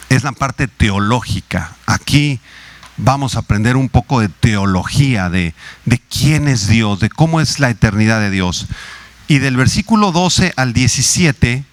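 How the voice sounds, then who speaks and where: A male pastor delivers a teaching sermon in a middle-range voice. He slows down to spell words out and lifts his pitch on key phrases. The sound is dry and close. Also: dry recording. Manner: teaching, spells out Hebrew words slowly, rises in pitch on emphasis.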